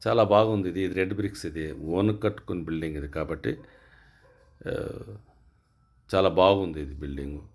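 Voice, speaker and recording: A man's voice: deep voice, fairly quick, pauses often, a little mellow. A man working as a real estate agent gives a property tour and talks straight to his viewers, pushing a sale and repeating himself. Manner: salesy, repetitive, direct appeals to viewers.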